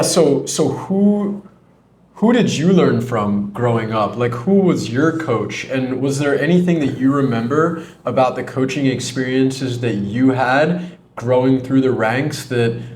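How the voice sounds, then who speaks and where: A male podcast host who asks curious, attentive questions in a relaxed conversational tone. His voice is of middling pitch, and the recording carries a noticeably roomy echo. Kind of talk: interview questions and casual chat.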